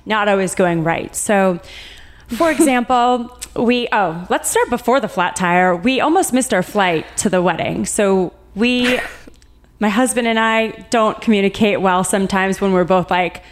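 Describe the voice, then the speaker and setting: A young woman chatting casually as a podcast guest, telling a story with quick laughs and acted-out quotes. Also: mid-range voice. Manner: animated storyteller, laughs often, acts out quotes. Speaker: guest, recent bride.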